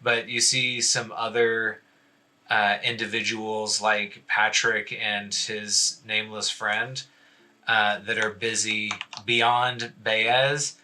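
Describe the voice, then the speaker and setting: A man's voice: lowish voice, level tone, slow, bright, forceful tone. A man narrating as dungeon master, rambling loosely with many fillers. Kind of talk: narrating a tabletop game.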